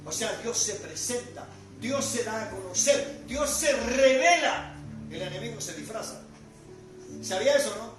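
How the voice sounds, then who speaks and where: Older guy preaching a sermon, really high voice, booming then quiet, far off in a super echoey church with music behind. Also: expressive, a little slow. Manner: preaching with loud bursts and quiet drops. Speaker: pastor.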